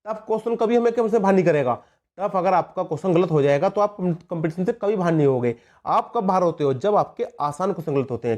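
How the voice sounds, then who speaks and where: A man's voice: high-pitched, a little mellow. A man teaching a spoken exam prep lesson over slides. He repeats key points, mixes in words and asks his students questions. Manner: explains by repeating points and asking the class questions.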